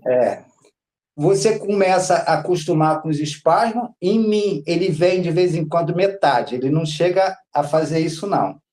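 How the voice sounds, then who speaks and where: A man's voice: a little high, normal speed, darkish tone. A Brazilian man, a podcast guest, telling his story in a rambling, casual way, with lots of filler words. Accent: Brazilian Portuguese.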